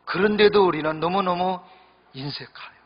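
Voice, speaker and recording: A man's voice: high-pitched, normal speed. A male pastor preaching a sermon in a church during a worship service, talking conversationally, joking and speaking straight to the congregation. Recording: echoey hall, dull lo-fi sound.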